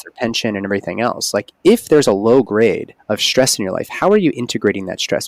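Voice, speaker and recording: Guesting on a podcast as a holistic OB-GYN, a man speaks in a fairly low voice with no echo. His manner is earnest and explanatory, laced with animated emphasis, in a casual conversational setting.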